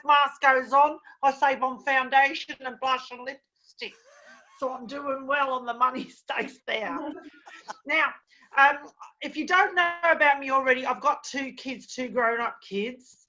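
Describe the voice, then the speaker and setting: A woman's voice: high voice, steady tone, moderate pace, pushed and bright, lo-fi sound. A middle-aged woman with an Australian accent doing a brash, swearing, self-mocking stand-up set from her home over a video call. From England. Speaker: stand-up comedian.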